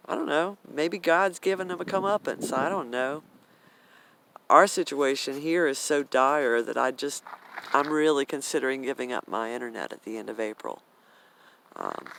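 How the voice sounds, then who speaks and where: Older American male, medium pitch. Blunt, emphatic outdoor vlogger with drawn-out pauses, faint wind noise behind. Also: vocal fry, a bit bright, rough recording. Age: 60s or older. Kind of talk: rambling personal vlog talk. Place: outdoors in a garden swing in the wind. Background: wind and outdoor ambience.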